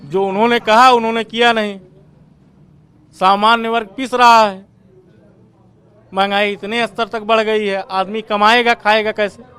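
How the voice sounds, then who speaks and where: A man's voice: high-pitched, flat delivery, unhurried, pauses often, bright, forceful tone. A man complaining emphatically during a roadside interview. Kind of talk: street vox pop. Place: roadside outdoors.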